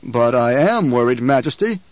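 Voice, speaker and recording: A man acting out a scheming baron, nervous and obsequious before his emperor. He speaks slowly and a little louder, choosing every word with care. The audio is dry and slightly dull. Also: medium pitch, animated, no echo, lightly acted. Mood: deferential.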